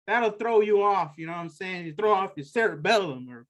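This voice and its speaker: High, animated man swearing casually. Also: fairly quick. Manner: profane, laid-back banter. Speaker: podcast co-host. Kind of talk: casual chat.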